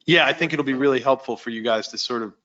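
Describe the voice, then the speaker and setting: A man's voice: medium pitch, quick pace, pushed and bright, dull audio. A man moderating a casual meeting discussion, chatty with many fillers and restarts.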